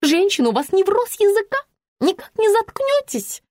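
A shrill, pompous middle-aged woman snaps and hisses her insults in a high, piercing voice that swoops as she scolds, as a woman narrator puts her on. The sound is dry and close. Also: big pitch swings, moderate pace, a little mellow, no echo. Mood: furious. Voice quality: shrill, hissing.

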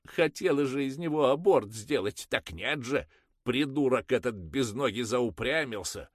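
A man voicing a harsh, pious peasant mother who rants in a high screeching voice. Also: expressive, unhurried, no echo, studio quality. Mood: ranting. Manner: screeching, ranting.

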